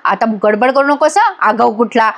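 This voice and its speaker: A woman voicing a sharp-tongued, quick-tempered young village wife who scolds sarcastically. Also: on the high side, expressive. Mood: scolding.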